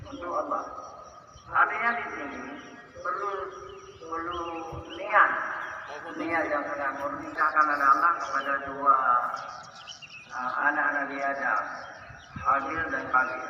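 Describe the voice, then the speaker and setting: Brief: male preacher, fairly high voice, distant and muffled, long mosque-hall reverb. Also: unhurried, pauses often, noisy background. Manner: preaching, quoting Arabic verses and translating them. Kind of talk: mosque sermon. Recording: echoey hall from far off, dull.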